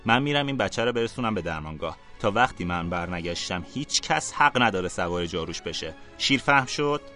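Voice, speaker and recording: A man voicing a strict, gruff female flying teacher who barks orders, raised high above his own voice. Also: lively intonation, sharp tone, soft background music. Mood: bossy.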